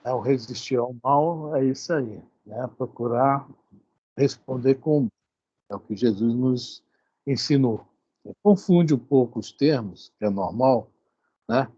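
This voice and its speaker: A man's voice: medium pitch, measured pace, mellow, husky, no echo, muffled recording. A man with a Brazilian Portuguese accent leading a religious study group, commenting casually and rambling a little between thoughts. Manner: conversational, rambling with fillers.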